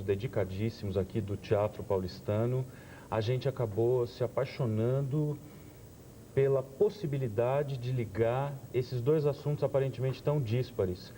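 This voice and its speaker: A man, a theater director on a TV talk show, explaining his work in a thoughtful, measured way. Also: fairly low pitch, warm tone, a little hiss or hum. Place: TV studio.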